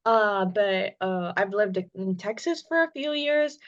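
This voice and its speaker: A woman's voice: medium pitch, animated, unhurried, muffled recording. A young woman from Venezuela, a guest answering interview questions hesitantly, with many filler words. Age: young adult.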